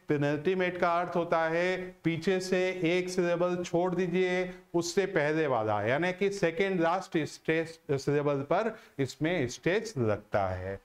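A man teaching a lesson on word stress, slow and deliberate, who asks questions and answers them himself. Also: high voice. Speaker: English teacher.

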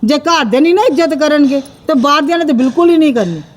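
A woman playing a sharp-tongued scolding aunt. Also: sits high, lively intonation. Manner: scolding, lecturing, rapid retorts. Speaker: aunt Manju scolding the son. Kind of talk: amateur family skit acting. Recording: faint background noise.

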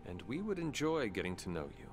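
A solemn, formal figure who speaks in measured, careful sentences. His voice sits a little low. Soft game music plays underneath. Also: very animated. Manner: formal, measured, avoids contractions. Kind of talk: video game voice acting.

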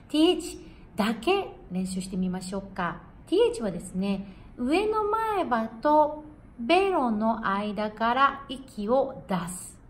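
A woman who sings jazz and coaches English pronunciation, giving a friendly, encouraging lesson and repeating each word slowly to demonstrate the sound. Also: mid-range voice. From Japan.

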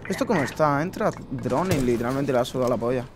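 A young Spanish gaming streamer with a Spanish accent rants and swears through casual commentary over his own gameplay. His mid-range voice is expressive and quick, and the noisy background is full of game sounds.

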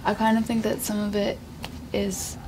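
A woman's voice: mid-range voice, completely flat delivery, moderate pace, darkish tone, slight background noise, poor audio. A teenage girl, a student, speaking hesitantly and casually. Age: teens. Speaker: student participant.

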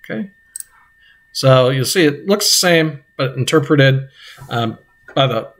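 A man explains web code step by step as he records his screen. His voice sits at a middle pitch. He talks in a halting, unscripted way, stopping often on fillers and restarts. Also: expressive, a bit bright. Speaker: teacher. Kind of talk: screen-recorded coding lesson.

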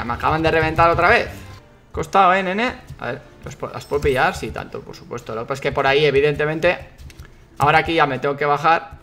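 Excitable young man from gaming. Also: a little high. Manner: excitable, swears a lot, yells at the game. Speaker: gaming YouTuber. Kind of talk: let's play commentary.

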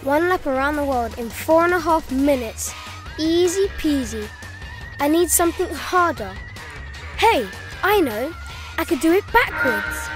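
A woman's voice: sits high, lively intonation, a little slow, faint music behind. A woman voicing a speedy, chirpy alien runner in a cartoon toy play, breezy and boastful. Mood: breezy confidence.

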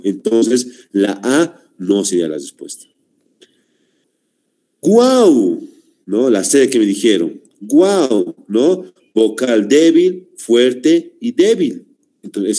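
A man's voice: mid-range voice, mellow. A man teaching a language class, stressing and repeating his points while addressing the students as "señores.". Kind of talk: online class lecture.

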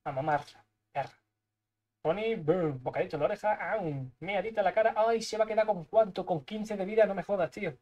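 A young man from Spain with a Spanish accent, giving live gameplay commentary, excitable and swearing, muttering to himself as he plays. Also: sits high, brisk, highs cut off. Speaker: streamer.

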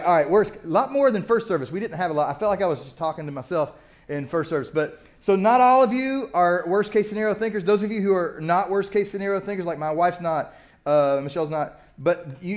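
An older man delivers a sermon as a church pastor, his voice sitting a little high for a man. He talks in a loose, conversational way, full of asides and jokes at his own expense. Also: darkish tone. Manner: conversational, self-deprecating storytelling. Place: church sanctuary.

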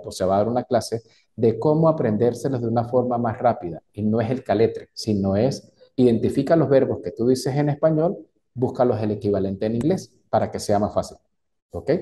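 A patient middle-aged man gives an English lesson. His voice is mellow and warm, and he explains things step by step. He slows down whenever he reads the English lines. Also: mid-range voice. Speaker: English teacher. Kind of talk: online class lecture.

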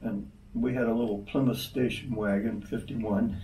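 Older man reminiscing, gravelly and distant. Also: lowish voice, fairly even intonation, mellow, roomy sound. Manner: halting, many restarts. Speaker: interview guest. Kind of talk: reminiscing conversation.

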